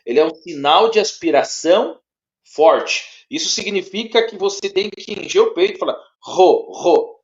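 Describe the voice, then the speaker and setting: Brazilian male tutor, slightly high pitch, stop-start and repetitive delivery, muffled lo-fi audio. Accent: Brazilian Portuguese. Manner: halting, repeats words, checks in often with tags. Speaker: teacher. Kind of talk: one-on-one spoken lesson. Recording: dull lo-fi sound.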